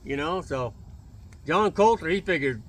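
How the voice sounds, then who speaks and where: A man's voice: on the high side, lively intonation, measured pace, slight background noise. A man telling a tale fireside style, in casual, folksy, unscripted speech with a partner. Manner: fireside storytelling, folksy and colloquial. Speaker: storyteller.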